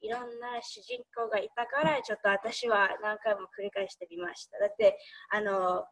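Woman, casual film chat, hesitant, many fillers, fry in the voice. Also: a little high, sing-song, moderate pace, a bit bright, low-quality recording. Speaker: discussion participant.

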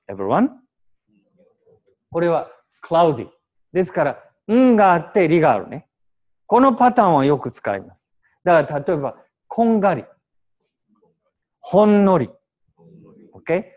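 A man teaching Japanese to a class, explaining with examples and short English glosses in a lively, animated way. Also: high-pitched, unhurried, pauses often, narrow, tinny audio.

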